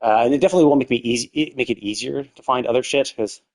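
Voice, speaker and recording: A live streamer talks at a racing pace on a gaming livestream, his medium-pitched voice rambling along conversationally. His chatter is loose and casually profane.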